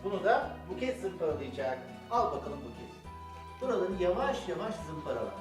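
With a high, sing-song voice and a moderate pace, an older man plays grandfather on a children's toy-making show. He coaches the kids step by step through their crafts, full of endearments and simple questions. The sound is roomy and echoey, with music underneath.

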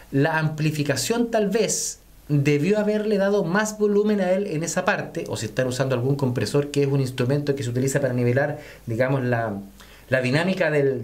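Man coaching singing technique. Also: a little high. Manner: addresses viewers as friends, sings short demonstrations. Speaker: vocal coach.

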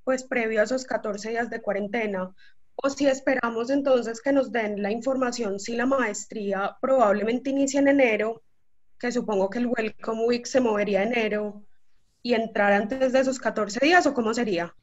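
A woman asks polite, carefully reasoned questions in an online session. Her fairly high voice comes through a slightly muffled video-call line. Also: moderate pace. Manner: polite, careful, thinking aloud. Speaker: scholarship recipient. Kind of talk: asking questions in a webinar.

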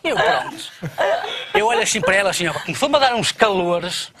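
A man's voice: brisk, background noise. A man telling a comic story as a guest, playful and acting out voices. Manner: animated, playful, acts out voices with big pitch jumps. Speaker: comedian guest. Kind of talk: comic storytelling in a radio interview.

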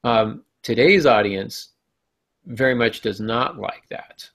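A man's voice: medium pitch, expressive, takes it slowly, a bit bright, slight background noise. A man hosting a podcast, explaining writing craft in a casual, wry way. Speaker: podcast host.

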